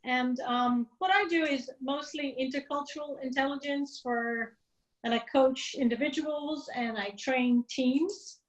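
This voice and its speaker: A woman from the Netherlands introduces herself on a video call in a brisk, friendly way. Her voice sits fairly high. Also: fairly even intonation, highs cut off. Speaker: participant, intercultural coach.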